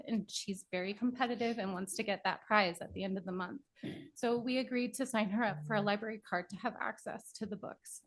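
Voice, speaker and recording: A woman in her thirties, a working mother, giving a nervous, emotional public comment at a county board meeting, halting with many ums. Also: fairly high pitch, rough recording.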